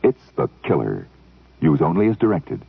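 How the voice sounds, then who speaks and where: Gravelly, hugely animated male ad announcer. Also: rumbling low, normal speed, no room sound. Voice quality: husky, gravelly. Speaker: commercial announcer. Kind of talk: emphatic hard-sell radio advertisement. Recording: tinny, dry radio broadcast.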